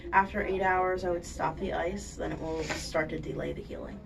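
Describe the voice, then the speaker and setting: A woman from a dental surgery staff informally talks a patient through aftercare instructions step by step, checking in often as she goes. Her lowish voice has vocal fry and a steady tone at normal speed. Recorded indoors at a clinic with a distant microphone, there's faint room noise.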